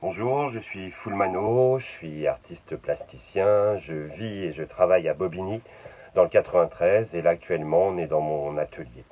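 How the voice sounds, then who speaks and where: A middle-aged man, a visual artist talking unscripted about his work in his studio, pausing often with fillers and repeated words. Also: low-pitched, warm tone.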